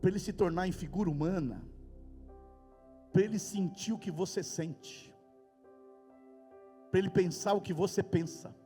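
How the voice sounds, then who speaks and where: Brief: Brazilian male pastor, high voice, emphatic sermon, long hall reverb. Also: moderate pace, pauses often. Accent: Brazilian Portuguese. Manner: emphatic preaching with sudden loud outbursts. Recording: reverberant hall with faint music. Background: faint music.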